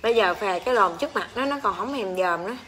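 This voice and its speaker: A woman's voice: medium pitch, expressive, quick pace, fairly bright tone, slight background noise. A woman with a Southern Vietnamese accent, hosting a casual livestream and ranting to her viewers in a crude, exclamatory, rambling way. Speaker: livestream seller and host.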